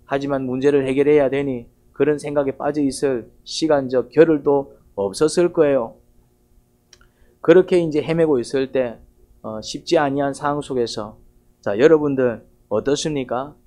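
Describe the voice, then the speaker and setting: A man preaches a Sunday sermon from the pulpit in a low, mellow voice of middle pitch. He tells the story vividly, like a storyteller, and often stops to ask the congregation rhetorical questions. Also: fairly even intonation, moderate pace. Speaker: pastor.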